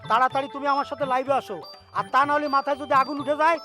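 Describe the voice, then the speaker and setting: An actor playing a hot-tempered, blustering village YouTuber husband in a TV comedy drama. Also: male voice, very high voice, steady tone, racing, sharp tone, soft background music, exaggerated voice. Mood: threatening. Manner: bluster and threats in a rustic voice.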